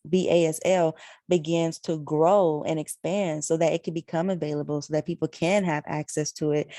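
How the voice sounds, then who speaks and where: A woman's voice: sits low, warm tone, dry recording, clean studio sound. A woman interpreting a signed discussion aloud, relaying each speaker in the third person with frequent fillers. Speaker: sign language interpreter. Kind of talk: voicing signed conversation.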